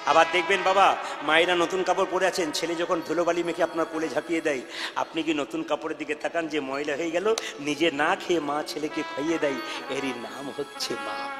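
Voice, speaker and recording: A man delivers a devotional sermon in a high, ringing voice, pleading and then rising into shouts as he exhorts the crowd. His voice carries a long hall reverb. Music plays clearly underneath him. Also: fairly even intonation, brisk. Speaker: kirtan preacher.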